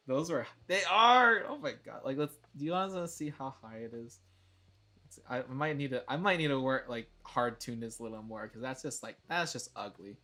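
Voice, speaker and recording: A man's voice: mid-range voice, brisk, a bit bright. A young man streaming casually, chatty, laughing often and swearing now and then. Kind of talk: casual livestream chat.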